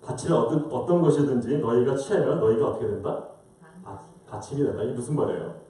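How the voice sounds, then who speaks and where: A male pastor delivers a sermon with a lively, rising and falling delivery, asking the congregation question after question. His tone is dark and mellow. He sounds distant from the microphone, in a large church with strong echo. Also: medium pitch, quick pace. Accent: Korean-American. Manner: rhetorical questions, acts out voices. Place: church sanctuary. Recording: roomy distant church mic.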